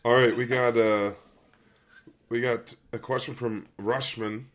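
A man's voice: mid-range voice, steady tone, a little slow. A man, co-hosting a podcast in casual chat and reading out questions.

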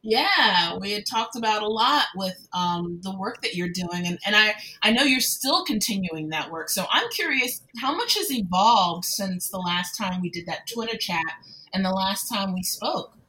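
A woman's voice: medium pitch, animated, moderate pace, pushed and bright, rough recording. A woman co-host asking long, enthusiastic questions in a podcast interview. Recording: faint background noise.

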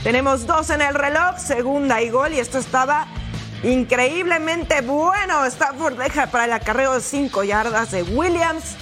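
A woman presenting American football highlights, exclaiming and stretching out key words in touchdown-call commentary. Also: normal speed, fairly bright tone, faint music behind.

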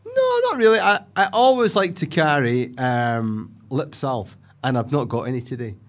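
A man's voice: medium pitch, sing-song, normal speed. A man with a cold making dry, teasing remarks in casual podcast banter as a co-host. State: has a cold.

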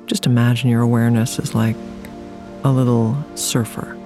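A meditation host guiding a relaxation hypnosis in a soothing, deliberate way with long pauses. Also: mid-range voice, level tone. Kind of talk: slow guided relaxation hypnosis narration. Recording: music playing behind the voice. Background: music.

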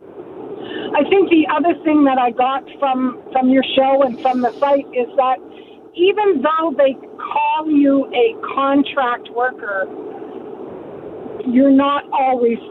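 A woman calling in to a radio show on a car speakerphone, telling her story in a plain, unhurried way. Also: sits high. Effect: car speakerphone over a phone line. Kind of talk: casual call-in chat. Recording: tinny phone line with car road noise.

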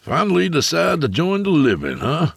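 A man voicing a brash, crude young man who talks in a loud, boastful and bawdy way in an audiobook. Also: on the high side, huge pitch swings, normal speed, gravelly, slightly rough, pitched above the performer's own voice, full character voice. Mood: boisterous.

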